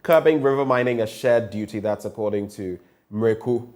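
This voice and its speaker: A man's voice: fairly low pitch, moderate pace, a little mellow. A man with a Ghanaian English accent hosting a morning newspaper review, reading headlines and asking pointed questions. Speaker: news review host.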